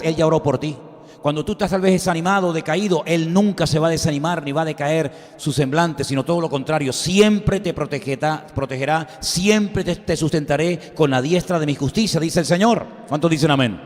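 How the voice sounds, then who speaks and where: A middle-aged man preaching a sermon the pulpit, emphatic and full of rhetorical questions to the congregation. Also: a little high. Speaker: pastor. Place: church sanctuary. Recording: long church reverb.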